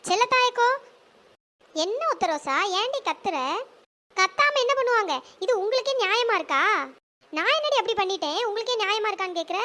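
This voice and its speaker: A performer voicing several quarrelsome village women arguing over water pots, with a pitch-raised cartoon voice. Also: expressive, brisk, sharp tone. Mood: quarrelling. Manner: quarrelsome, shrill village bickering. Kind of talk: cartoon village comedy voice acting.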